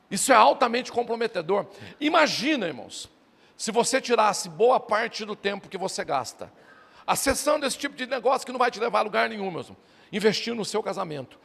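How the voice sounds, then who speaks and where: Here the middle-aged pastor's voice sits high and sounds gravelly and a bit bright. His sermon is emphatic, and again and again he addresses the congregation as brothers, "irmãos." A church hall's long reverb carries through the recording.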